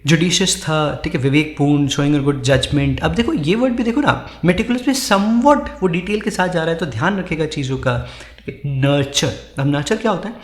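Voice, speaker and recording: Male teacher, casual vocabulary lesson, somewhat high voice, slow careful English examples, echoey room. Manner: speaks Hindi mixed with English, reads English examples slowly; frequent "ठीक है" check-ins, encouraging.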